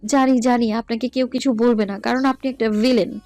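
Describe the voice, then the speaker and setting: A woman's voice: a little high, fairly even intonation, moderate pace, warm tone, no echo, soft background music, lightly acted. A woman playing a stubborn young student who talks back with defiance and a teasing, playful edge in an audio love story. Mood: defiant.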